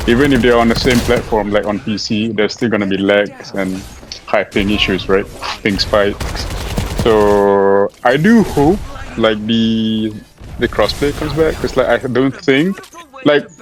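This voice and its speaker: A man's voice: fairly low pitch, low-quality recording. A man streamer talking casually in a group discussion, rambling with lots of fillers and restarts. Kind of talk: casual chat.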